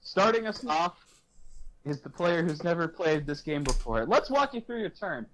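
A man's voice: on the high side, very animated, normal speed, background noise. A man running a tabletop game as game master, chatty and giggly, with lots of fillers.

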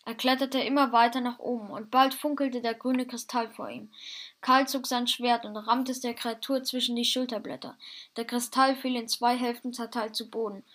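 A woman reading a fantasy adventure story aloud in a plain, steady way, with casual asides to listeners. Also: a little high, moderate pace.

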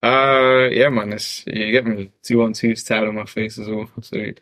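Low flat-voiced laid-back young man. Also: moderate pace, no room sound. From France. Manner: laid-back slangy speech with many fillers. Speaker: music producer guest. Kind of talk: casual interview talk.

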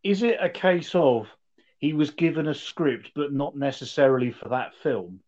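A man chatting casually about a film, reacting in slow, amazed, halting remarks. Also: on the high side, a little mellow, highs cut off. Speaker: podcast co-host. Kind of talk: casual film review chat.

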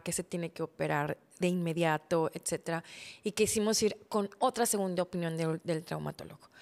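A woman in her thirties tells her own story on a podcast. She acts out conversations with lively energy, then drops to a hushed, soft voice for the hard parts. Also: fairly low pitch. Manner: animated, acts out dialogue, trails off softly when recalling illness. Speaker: podcast host. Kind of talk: personal storytelling.

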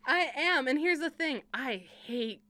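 Young woman co-host, bright, expressive pitch, chatty and profane. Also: measured pace, no room sound. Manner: chatty, laughing, swearing, rambling. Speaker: podcast co-host. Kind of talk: casual chat.

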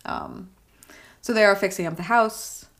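A woman's voice: medium pitch, measured pace, fairly bright tone. A woman co-hosting a casual film discussion, chatty and filler-heavy, often checking in with "right?". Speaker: podcast co-host.

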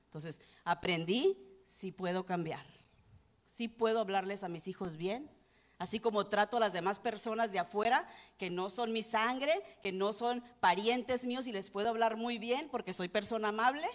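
A woman's voice: medium pitch, moderate pace. A middle-aged woman pastor, giving an earnest, confessional testimony sermon. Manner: earnest, confessional, rising and falling with emotion.

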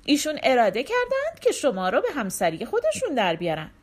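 A woman's voice: sits high, huge pitch swings, heavily acted. A woman storyteller voicing a confident young male hero, speaking earnestly and reassuringly.

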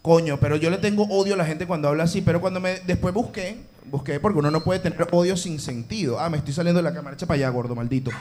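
A man's voice: a little high, rapid-fire, hardly any pauses, darkish tone, a little hiss or hum. A man co-hosting a casual talk show, joking crudely, teasing and swearing freely. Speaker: podcast co-host. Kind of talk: casual banter.

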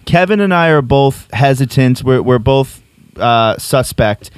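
A man in his twenties hosting a casual coffee podcast interview, friendly and quick to laugh, with lots of "like" and "you know". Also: medium pitch, lively intonation, clean tone, no room sound. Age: 20s. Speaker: podcast host.

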